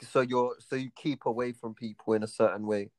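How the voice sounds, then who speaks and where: A young man with a London roadman accent, chatting casually in a halting, slangy way and often circling back over phrases. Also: mid-range voice, steady tone, a little mellow, dry recording. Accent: London roadman, urban slang. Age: young adult. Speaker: podcast speaker. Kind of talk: casual chat.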